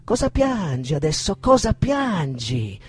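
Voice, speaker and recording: A man's voice: a little high, big pitch swings, slow pace, slightly rough, exaggerated voice. An actor playing a raging abusive man. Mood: bitter, mocking. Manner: swings from shouting insults to cold menace. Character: abusive aggressive man berating a woman. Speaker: actor reading a monologue. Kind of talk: dramatic reading.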